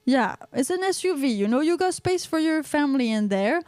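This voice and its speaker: High-voiced Québécois woman podcast host. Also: animated, brisk, darkish tone, no echo. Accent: Québécois French. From Quebec, Canada. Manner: chatty, repeats words while reading comments. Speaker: podcast host reading live chat. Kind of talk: casual livestream chat.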